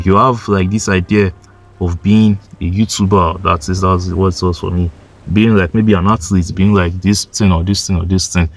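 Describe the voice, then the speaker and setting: Deep-voiced man in his twenties, blunt motivational vlogger, swears freely, repeats himself for emphasis. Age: 20s. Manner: blunt, swearing, heavy use of "like" and "bro"; insistent, repeats points for emphasis. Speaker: motivational YouTuber. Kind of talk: casual motivational monologue.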